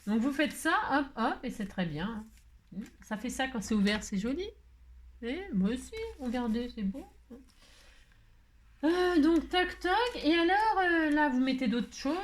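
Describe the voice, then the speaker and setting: A woman's voice: high-pitched, lively intonation, unhurried. A woman hosting a casual crafting tutorial, chatty and playful, joking as she works. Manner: chatty, playful, full of filler tags. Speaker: craft video host.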